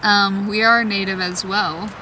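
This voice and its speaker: A woman talking casually in an excitable, chatty way as she questions spirits aloud in a vlog. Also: mid-range voice, unhurried. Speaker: paranormal investigator. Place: outdoors in a forest at night. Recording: distant mic, clearly noisy outdoor ambience.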